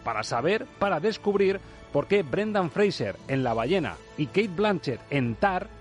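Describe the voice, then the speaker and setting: Showman-like Spanish man, high-pitched, announcing grandly. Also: sing-song, normal speed. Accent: Spanish from Spain. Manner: ringmaster-like grand announcing, addressing ladies and gentlemen. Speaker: radio film show host. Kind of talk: showy scripted radio presenting. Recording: music bed under voice.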